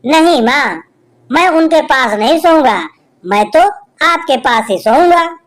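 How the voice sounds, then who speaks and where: Casting: woman doing a cheeky son, high and unhurried, deadpan delivery.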